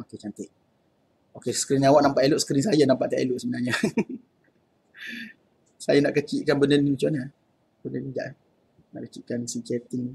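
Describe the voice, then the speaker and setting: A man's voice: mid-range voice, gravelly, slightly rough. A man with a Malaysian accent teaching an online Arabic class in a casual, chatty way, laughing often. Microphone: computer mic on video call.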